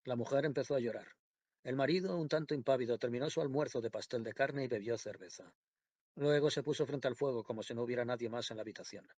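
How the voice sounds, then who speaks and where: A man narrating a classic novel in a measured, even audiobook reading. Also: mid-range voice, no room sound. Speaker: audiobook reader. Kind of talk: scripted literary narration.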